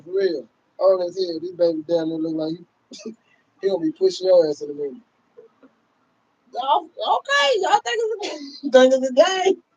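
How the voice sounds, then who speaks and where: Lively, high-voiced man, laughing. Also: rough recording. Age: 30s. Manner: loud, laughing, profane, talks to viewers as y'all. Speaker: livestream host. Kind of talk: casual livestream rant.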